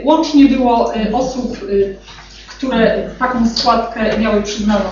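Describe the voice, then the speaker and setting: A woman, a municipal social welfare official, presents an annual report at a meeting, reciting figures with frequent hesitant filler sounds. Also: a little high. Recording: echoey meeting room, distant, dull, noisy.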